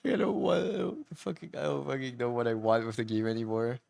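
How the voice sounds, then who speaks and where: A man's voice: mid-range voice, steady tone, fast, vocal fry, darkish tone, clear, resonant tone, no echo. A young man chatting casually on a live stream, rambling, laughing often and swearing offhandedly.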